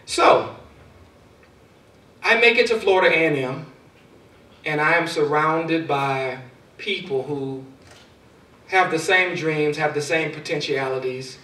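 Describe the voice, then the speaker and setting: Male speaker, fairly high voice, motivational storytelling, roomy hall sound, mic at a distance. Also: slow pace, pauses often. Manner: storytelling with dramatic swings in loudness. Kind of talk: motivational speech. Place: large hall. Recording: echoey hall, far from mic.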